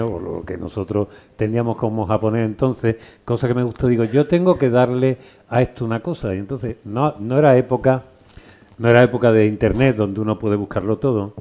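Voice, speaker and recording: A man's voice: lowish voice, mellow. A middle-aged or older man with a Spain accent hosts informally, telling anecdotes in a digressive, repetitive way. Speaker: book presentation host. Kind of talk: informal anecdotal public talk. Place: live book presentation with microphone.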